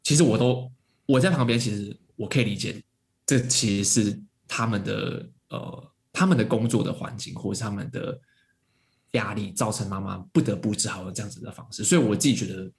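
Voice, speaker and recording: This man, a guest on a podcast, has a fairly low, creaky voice and talks fairly quickly. Spinning a casual story riddled with fillers and false starts, he performs his parents' lines in their own voices.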